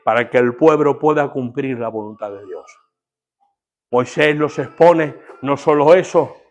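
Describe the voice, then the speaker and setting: A man preaching a fervent sermon as pastor, drawing call-and-response from the congregation. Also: medium pitch.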